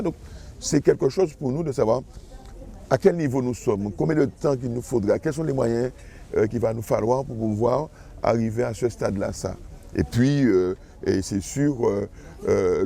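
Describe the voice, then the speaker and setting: A man speaking in a measured, hesitant way in a festival interview. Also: medium pitch, vocal fry, warm tone. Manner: measured, hesitant with many fillers.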